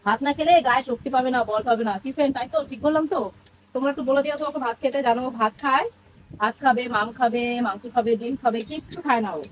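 A woman's voice: sits high, rapid-fire, a little hiss or hum. A woman hosting a casual family vlog, coaxing a small child in a sing-song way. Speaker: family vlogger.

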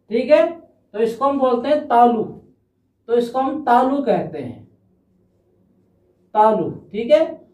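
A male teacher giving a patient classroom-style grammar lesson. He repeats his points, checks in after each step, and sounds out examples slowly. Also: extremely high pitch, darkish tone. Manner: demonstrates sounds aloud slowly. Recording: echoey room, mic set at a distance.

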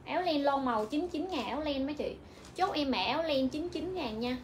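A young woman with a Vietnamese accent pitches clothes live from a shop, her voice high and bright. She repeats each price again and again in a brisk selling patter. Clear background noise from the shop runs under her. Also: expressive. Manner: repetitive, rapid-fire price calling. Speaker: livestream clothing seller. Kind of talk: livestream sales pitch.

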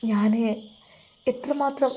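An eager young man presses with urgent, pleading questions, voiced by a woman in her own warm tone. He speaks with a lilt, in a soft, mellow voice. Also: sits high, slow pace, a little hiss or hum, pitched above the performer's own voice.

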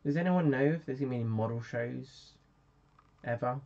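Chatty man with a gravelly voice. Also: medium pitch, fairly quick, mellow. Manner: chatty, self-mocking, reads out viewer comments. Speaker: live-stream host. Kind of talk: casual live-stream chat. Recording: dull lo-fi sound.

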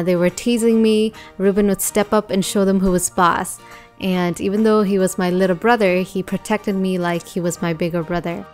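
A young woman from Nepal telling her life story in a casual voice-over, chatty and full of ums and uhs. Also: mid-range voice. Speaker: YouTuber. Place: voice-over over whiteboard drawing.

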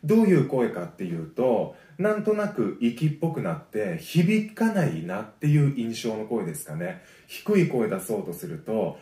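A man teaching a voice lesson. He gives friendly, encouraging explanations and breaks them up with sustained low sung vowels. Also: wildly swooping pitch, normal speed, few pauses, mellow. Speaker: voice trainer. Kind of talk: vocal lesson. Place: home. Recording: roomy echo.

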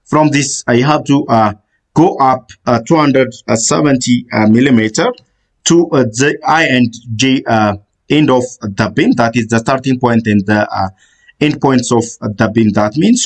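In a halting delivery full of "uh" fillers, a man gives step-by-step instructions while narrating a screen-recorded software tutorial. He speaks in a mid-range voice.

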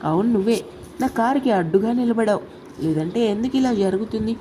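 A woman's voice: fairly high pitch, lively intonation, a little fast, mellow, a little hiss or hum, natural voice. Heartbroken drunk young woman, tearful, slurring, angry, voiced by a woman.

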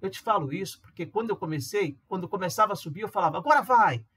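A man with a Brazilian Portuguese accent gives a casual, chatty tutorial on reading charts as an amateur trader. He checks in with listeners using quick tags and acts out their questions. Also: high-pitched, a bit bright, slightly rough. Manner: acts out viewers' questions in a livelier voice. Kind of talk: casual screen-recorded tutorial.

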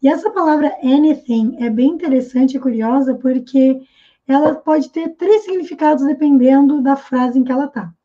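A Brazilian Portuguese-speaking woman teaching English pronunciation, slowly and carefully repeating English phrases. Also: high-pitched, lo-fi sound. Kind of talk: explaining pronunciation in a video lesson.

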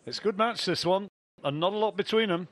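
A man's voice: high-pitched, a little fast, a bit bright, no room sound. A man giving live darts commentary with some light banter as a sports commentator.

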